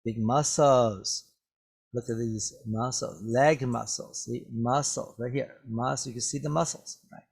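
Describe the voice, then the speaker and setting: Slow, patient male English teacher. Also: medium pitch, steady tone, gravelly, breathy edge. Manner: patient, repeats each word several times. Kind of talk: reading a story aloud and explaining words to students. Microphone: webcam.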